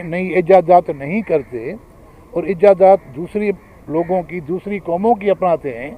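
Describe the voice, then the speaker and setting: A man with a notably high-pitched voice delivers a public lecture. He argues his case earnestly and keeps a steady lecturing pace. He sounds middle-aged. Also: a little hiss or hum, poor audio. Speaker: guest speaker.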